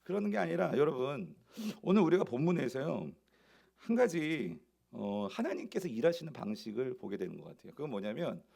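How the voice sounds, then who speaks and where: A man's voice: mid-range voice, very animated, brisk, creaky, a little mellow. A male pastor preaching a sermon, asking the congregation rhetorical questions.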